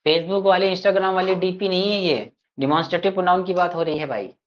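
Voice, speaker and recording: A man's voice: high voice, fairly quick, lo-fi sound. A man teaching an online grammar class, playful and teasing his students as he explains. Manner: addresses students fondly as kids.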